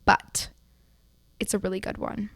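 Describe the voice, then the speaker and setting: A woman's voice: a little slow, fairly bright tone, no room sound. A young woman co-hosting a podcast, chatting in a gushing, casual way with lots of fillers. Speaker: podcast co-host. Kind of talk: casual chat.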